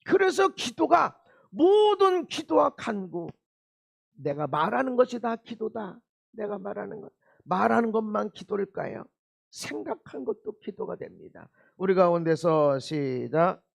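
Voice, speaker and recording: High-voiced gravelly male pastor preaching. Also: very animated, measured pace. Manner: shifts between preaching and shouted impersonations of complaining people. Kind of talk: sermon. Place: church sanctuary.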